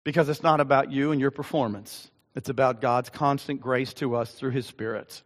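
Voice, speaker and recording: A man's voice: mid-range voice, fairly even intonation, normal speed. An older man, a pastor, preaching an earnest, conversational sermon and reading scripture with emphasis. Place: church sanctuary. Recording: long reverb of a church hall.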